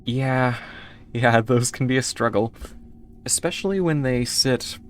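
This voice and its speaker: An American woman with a very deep voice streams a game and chats casually with her viewers at a measured pace. She is easygoing and rambling, answering chat between moves.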